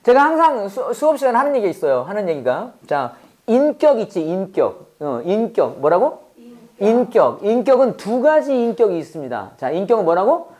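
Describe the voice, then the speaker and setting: Animated woman teaching, call-and-response. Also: mid-range voice, moderate pace. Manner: lively, call-and-response drilling with laughs. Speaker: English teacher. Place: classroom with students.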